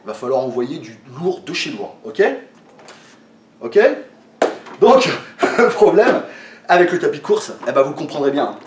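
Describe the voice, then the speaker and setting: A man's voice: on the high side, very animated, measured pace, pauses often, distant mic, noisy background. A man from France explaining a workout to camera in a casual, hesitant way, with many fillers and restarts, a little tired. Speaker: fitness vlogger. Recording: echoey room, voice away from the mic.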